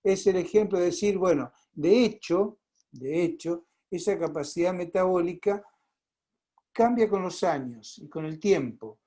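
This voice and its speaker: Argentine male lecturer, warm mellow voice, chatty, checks the class often, video call mic. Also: sits high, expressive, poor audio. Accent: Argentine Spanish. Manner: conversational, fills pauses and checks in with the class. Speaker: pharmacology lecturer.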